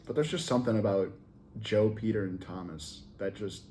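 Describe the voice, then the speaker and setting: A man's voice: fairly low pitch, normal speed, warm tone, slight background noise. A young man with a Wisconsin accent telling wry stories in a casual chat with a bandmate. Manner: laid-back, wry storyteller. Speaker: college band member.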